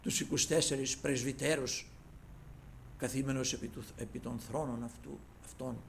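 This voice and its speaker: In this sermon a man speaks to his brothers, recasting scripture in lofty, antique language and alternating loud cries with soft asides. His mid-range voice is creaky with fairly even intonation, and there's a little hiss or hum in the background.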